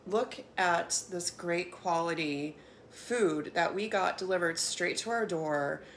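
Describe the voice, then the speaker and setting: A low-voiced American woman, a home cook and vlogger, talks slowly to the camera during a casual unboxing. She is enthusiastic, chatty and emphatic, recorded indoors in a small home kitchen with clearly noisy room sound.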